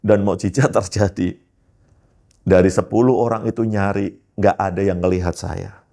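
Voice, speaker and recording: Lively low-voiced pastor telling his story. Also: moderate pace, creaky. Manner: lively storyteller, addresses listeners as brothers and sisters. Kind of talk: personal testimony storytelling.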